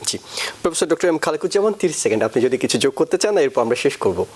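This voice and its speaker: A man hosting a political talk show, putting long, measured framing questions to his guests. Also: a little high, very animated, a little mellow.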